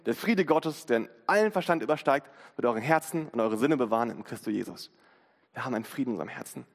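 A man in his twenties preaching a sermon in a casual, slangy way, acting out inner voices, recorded in a church hall. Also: on the high side. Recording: long hall reverb.

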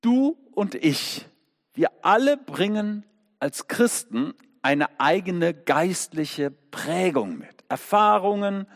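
A man preaching in a church, his voice pitched high and swinging widely up and down. He takes his time, leaning into the story and tossing out rhetorical questions. Long reverb from the hall trails each phrase. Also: animated, takes it slowly. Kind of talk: sermon.

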